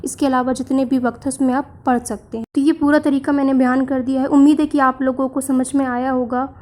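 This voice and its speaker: A woman calmly explaining a religious practice step by step, listing points by number. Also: high voice, brisk. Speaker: religious instructor.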